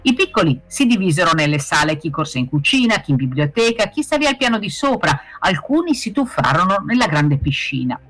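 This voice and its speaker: A woman reading a children's fable aloud in a lively, expressive way. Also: lowish voice, fairly quick, hardly any pauses, faint music behind. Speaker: storyteller, author of the tale.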